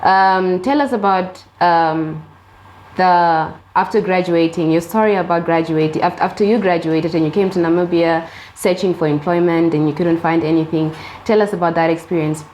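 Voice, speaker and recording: A woman's voice: fairly low pitch, steady tone, moderate pace, darkish tone. Woman hosting an interview, faint hiss. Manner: polite, hesitant with fillers when asking questions. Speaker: talk show host.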